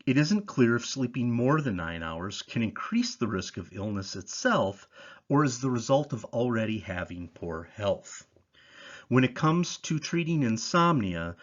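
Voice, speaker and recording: A man reading scripted educational material in a measured, didactic way, stressing key points like a presenter. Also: medium pitch, fairly bright tone, muffled recording. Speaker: presenter of a sleep education series. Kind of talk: scripted instructional narration.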